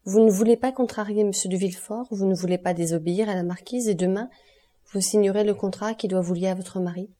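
A woman's voice: mid-range voice, fairly even intonation, fast talker, warm tone, lightly acted. A woman voicing a passionate young man in an audiobook, speaking earnestly and urgently. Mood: ardent. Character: young man, ardent, passionate, desperate lover. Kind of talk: audiobook character reading.

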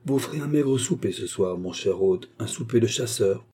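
Hearty old aristocrat-hunter, boisterous and welcoming, for a storybook; a man reads him, somewhat low and dark, with a husky edge. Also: expressive, moderate pace. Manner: hearty and effusive. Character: jovial old male country nobleman and hunter.

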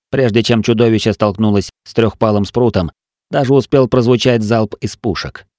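Male audiobook narrator, low, dramatic first-person delivery, dry booth sound. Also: no echo. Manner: steady, dramatic storytelling.

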